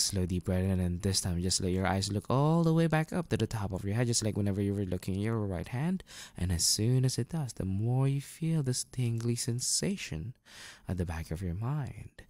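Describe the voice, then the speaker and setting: Soothing low-voiced male hypnotist. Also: darkish tone, dry recording. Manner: slow, soothing instructions with casual asides. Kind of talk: guided hypnosis induction.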